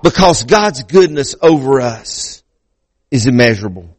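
A man's voice: mid-range voice, animated, a little slow, slightly rough, no room sound. A man preaching a sermon as pastor in a church, building emphasis with repeated phrases. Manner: preaching with rising emphasis and repetitions.

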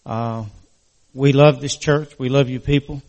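An older man from West Virginia preaching a church sermon in an earnest, halting, folksy way, his words slightly slurred from a crooked, post-surgery mouth. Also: medium pitch, steady tone, a little mellow, in a large hall.

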